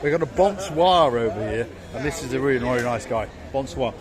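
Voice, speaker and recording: Lively in intonation and fairly quick, this medium-pitched Welshman from North Wales hosts a walking vlog, steering the camera along a bustling harbour front in the evening. He's jokey and upbeat, bantering with the people he meets while outdoor crowd noise carries on behind him.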